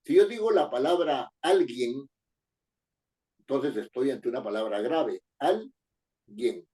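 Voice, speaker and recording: A Peruvian man teaches a spoken lesson on writing and accent marks, his mid-range voice mellow and a little slow. He explains the rules, repeats key phrases, and questions the students as he goes.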